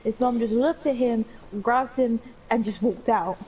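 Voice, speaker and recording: A woman's voice: a little high, a little slow, dark tone, husky, dull audio. A young woman from the UK with a British accent, co-hosting a podcast and telling rambling stories in casual chat with some swearing. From United Kingdom. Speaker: podcast co-host.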